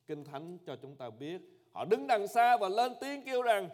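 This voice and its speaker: A high-voiced male pastor delivering an emphatic sermon, dropping to hushed tones and rising to ringing cries. His voice trails a long reverb through the church hall. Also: big pitch swings, measured pace. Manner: emphatic, swings between loud cries and hushed low lines.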